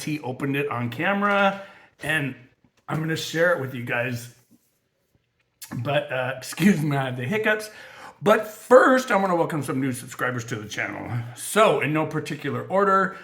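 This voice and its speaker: A man's voice: medium pitch, a bit bright. A man chats casually to viewers of his crafting channel, rambling from one thing to the next. His voice is scratchy from allergies. He talks in a loose, friendly way, full of fillers. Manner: chatty, rambling, with frequent fillers. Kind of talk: casual vlog chat.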